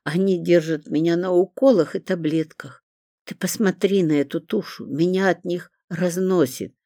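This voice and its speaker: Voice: medium pitch, normal speed, dark tone, no room sound, clean studio sound, close to an everyday voice. A reader voicing a tearful, childlike patient woman. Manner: plaintive, pleading. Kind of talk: audiobook character reading.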